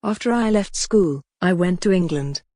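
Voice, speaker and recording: A woman teaching English grammar, reading example sentences slowly and clearly in a scripted lesson. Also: on the low side, lively intonation, a little mellow, no room sound, studio quality. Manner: slow, clear, deliberate reading.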